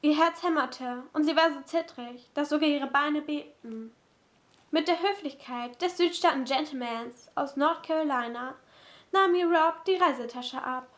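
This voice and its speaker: High-voiced woman reading a novel. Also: a little slow, fairly bright tone. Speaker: audiobook reader.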